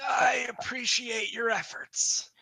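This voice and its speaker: A man voicing an old male kobold servant who speaks slowly with polite, formal courtesy. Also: very high voice, steady tone, pushed and bright, slightly rough, dry recording, voice pushed up, heavily acted. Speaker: game master. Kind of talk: tabletop role-play voice.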